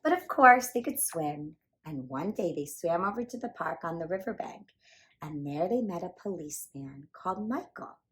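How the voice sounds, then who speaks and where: Reading a picture book to children, this female storyteller sounds lively and emphatic, aiming at a young audience. She speaks at a normal speed with a fairly low pitch.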